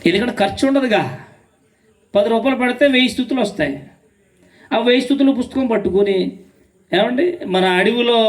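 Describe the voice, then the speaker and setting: A man delivers a sermon, firing rhetorical questions and repeating phrases for emphasis. His voice sits high and rough with fry, and the mic catches him from some distance away. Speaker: pastor.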